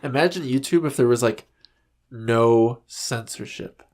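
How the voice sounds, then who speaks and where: A man's voice: medium pitch, a little slow. A man co-hosting a comedy podcast in casual, jokey chat, acting out little scenes as he talks. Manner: animated, jokey, acts out scenes. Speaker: podcast co-host.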